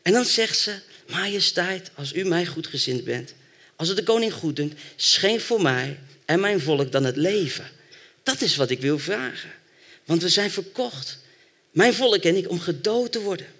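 A man's voice: a little high, expressive, normal speed, a bit bright, breathy edge. A man preaching a sermon, retelling a Bible story and building to fervent exhortation.

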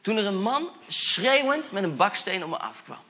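A man with a high, bright voice preaches with eager, animated energy, slipping English phrases into his storytelling. The recording sounds dull and lo-fi. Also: moderate pace. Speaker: evangelist preacher. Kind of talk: sermon testimony storytelling.

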